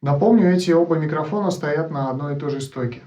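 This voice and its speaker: A man's voice: a little high, quick pace, warm tone. A man explaining an equipment demonstration, speaking from far away from the microphone. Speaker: presenter of an audio gear test channel. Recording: distant, roomy microphone pickup.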